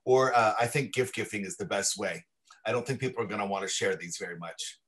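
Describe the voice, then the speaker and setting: Speaking a little fast in a fairly low-pitched, fairly bright voice, a chocolatier who is a guest on a livestream video call enthusiastically details his chocolates, casual and descriptive and often restarting.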